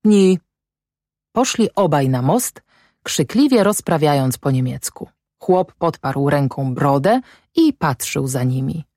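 Woman, audiobook narrator, classic novel, measured storytelling, low voice, dry close recording. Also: very animated, darkish tone, no echo.

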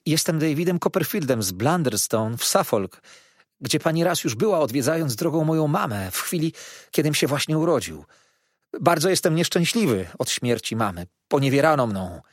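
A man voicing a ragged runaway boy who pleads with his aunt, his husky voice strained and urgent. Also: mid-range voice, big pitch swings, slow, long pauses, no room sound, clean studio sound, exaggerated voice. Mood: pleading.

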